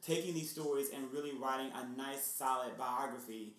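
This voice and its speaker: A man hosting a podcast interview, asking questions in a measured, encouraging way. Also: mid-range voice. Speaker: podcast host. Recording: roomy echo.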